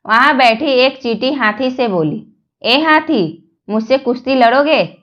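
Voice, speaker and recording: A woman reads short jokes one after another and keeps the same plain voice for every character. Her voice sits fairly high. The recording is echoey and muffled. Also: lively intonation, measured pace. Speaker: joke reader. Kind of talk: reading jokes aloud.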